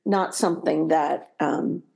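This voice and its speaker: A middle-aged woman co-hosting a podcast, chatting casually, easygoing and quick to laugh. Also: low voice, creaky, warm tone. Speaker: podcast co-host. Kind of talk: casual chat.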